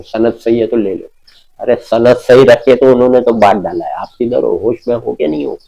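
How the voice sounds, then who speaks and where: A man giving an informal sermon, emphatic, often asking his listeners whether they understand and reciting scripture verses slowly. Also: lowish voice, mellow, low-quality recording. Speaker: preacher.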